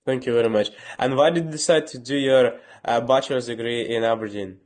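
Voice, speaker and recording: Guy interviewing someone, halting questions, lots of mm-hmms. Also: mid-range voice, darkish tone. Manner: brief backchannels, hesitant questions.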